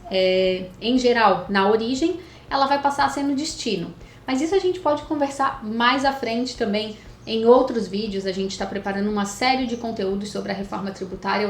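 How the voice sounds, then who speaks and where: A Brazilian woman accountant giving a clear, step-by-step video lesson, often checking in with her listeners. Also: on the high side. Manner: clear, didactic, checks in with "né?" and "certo?". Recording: echoey room with faint noise.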